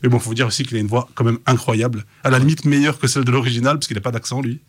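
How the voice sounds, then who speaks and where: A man's voice: medium pitch, fairly even intonation, slightly rough. A man who works as a voice actor, chatting in an interview and telling stories with enthusiasm. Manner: rapid, enthusiastic storytelling. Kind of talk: casual interview chat.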